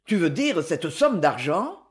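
A woman voicing a gentle old banker father. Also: lowish voice, very animated, unhurried. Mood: imploring. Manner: gentle, imploring.

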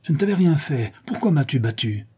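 A man's voice: fairly high pitch, big pitch swings, brisk, a little mellow, breathy edge, pitched above the performer's own voice, full character voice. A man voicing a frightened, poor young woman who sings in the streets, speaking timidly and pleading in an audiobook reading. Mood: fearful.

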